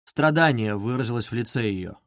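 A man narrating a classic novel as an audiobook in a measured, expressive way. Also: medium pitch, no echo, clean studio sound.

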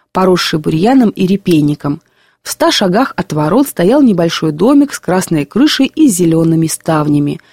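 A woman narrating classic prose in a measured, expressive storybook reading. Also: mid-range voice, breathy edge, dry recording, clean studio sound.

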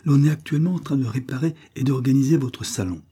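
A man's voice: medium pitch, quick pace, warm tone, slightly rough, pitched above the performer's own voice, natural voice. A man doing an eager lovestruck little grocer. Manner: eager, effusive.

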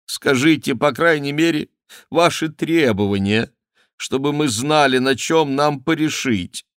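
A man voicing an aging, scheming queen mother who pleads with her son in a raised, drawn-out way. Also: a little high, a bit bright, smooth, no room sound, studio quality, pitched above the performer's own voice. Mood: imploring.

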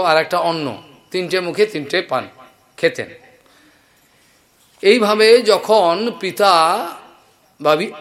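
A man giving a devotional scripture discourse, chanting verses slowly and telling stories in an animated way. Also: high-pitched. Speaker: Bhagavata preacher.

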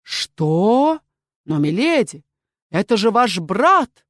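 A woman's voice: medium pitch, lively intonation, moderate pace, dry recording, clean studio sound, natural voice. A woman voicing Henry, an anxious male court physician who is easily flustered.

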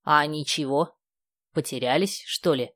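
A woman reading aloud and voicing a kindly, talkative old village woman who speaks in a slow, folksy way. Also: deep voice, a bit bright, no echo, studio quality. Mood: folksy chatter.

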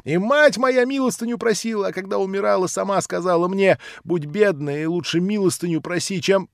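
A man's voice: high voice, a little fast, gravelly, no echo, clean studio sound, voice pushed up. A man voicing a proud, tormented orphan girl who bursts out tearfully and shrilly. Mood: hysterical.

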